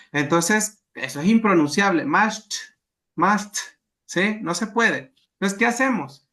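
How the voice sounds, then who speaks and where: A man leads a language lesson in a bright, slightly high voice. He explains each grammar rule patiently, repeating examples and checking in with his students as he goes. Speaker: language teacher.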